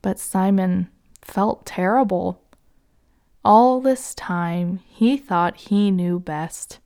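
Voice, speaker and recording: A woman tells a children's story in an unhurried, gentle way. Now and then she turns to the young listener with a question. Her voice is mid-pitched with a light gravelly texture.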